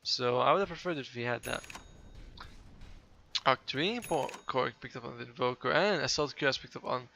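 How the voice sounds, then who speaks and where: Tired, gravelly male game commentator. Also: mid-range voice, normal speed, pushed and bright, a little hiss or hum. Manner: casual, chatty, often corrects himself mid-sentence. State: tired, yawning. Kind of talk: solo play-by-play commentary of a game replay.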